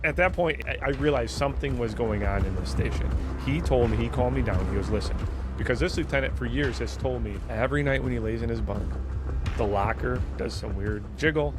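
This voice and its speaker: A man telling a personal ghost story in an earnest, halting way with frequent restarts. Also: mid-range voice, over music. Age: 20s. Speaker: firefighter guest.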